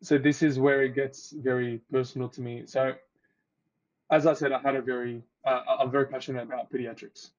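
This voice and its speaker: Flat-toned young man, lo-fi audio. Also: mid-range voice, fairly quick. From Egypt. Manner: relaxed, chatty, laughs easily, restarts. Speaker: oral health therapist, guest. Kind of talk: casual interview. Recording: dull lo-fi audio.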